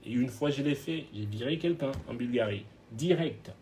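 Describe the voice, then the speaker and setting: Animated storytelling man, mid pitch. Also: moderate pace, slight background noise. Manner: animated, acts out other people's lines, laughs often; switches into English phrases mid-story. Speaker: touring musician telling an anecdote as a guest. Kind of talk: casual storytelling.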